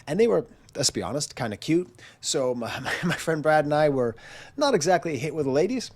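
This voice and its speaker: This 40-something channel host, sounding stuffed-up and nasal because of a chest cold, casually recounts a story that pokes fun at himself, acting out the quotes. His voice is a little high and a little mellow, with big pitch swings and a fairly quick pace.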